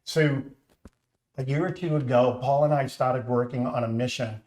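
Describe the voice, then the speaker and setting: A middle-aged man with a Boston accent, a company founder, chats casually and earnestly on a live stream from his home kitchen, sharing his story. He speaks at normal speed in a mid-range, slightly mellow voice, with some echo and slight background noise.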